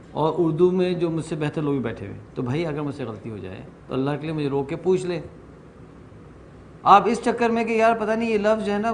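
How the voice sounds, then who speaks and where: A man's voice: high voice, slight background noise. A middle-aged man leading a training workshop, chatting informally, mixing in English phrases and telling self-deprecating stories to a room. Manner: acts out dialogue in stories. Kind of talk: informal workshop lecture with anecdotes.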